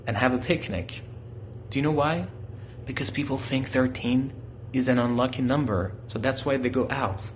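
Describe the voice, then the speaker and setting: A young Iranian man, a native Farsi speaker with an Iranian accent, explains his country's culture in simple, friendly terms meant for children, asking the listener questions along the way. His voice is medium-pitched, with a little hiss or hum in the background.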